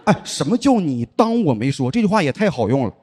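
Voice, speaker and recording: A man performing a stand-up comedy set on stage, telling stories in a dry deadpan way and acting out the people he quotes. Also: on the high side, fast, heavy background noise. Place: comedy show stage with live audience. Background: audience laughter.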